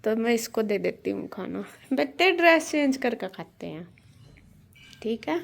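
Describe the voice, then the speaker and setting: A fairly high-pitched, creaky female voice sounds very animated yet unhurried. She's a mother in her family home kitchen, chatting with and teasing her kids as she serves them food. It's casual home vlog talk.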